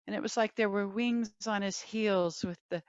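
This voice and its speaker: A woman's voice: mid-range voice, normal speed, smooth, no echo. Woman telling a folk tale over a video call. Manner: lively, asides to the audience, howls like a wolf. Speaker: storyteller. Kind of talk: oral storytelling for adults. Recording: muffled, dry video call audio.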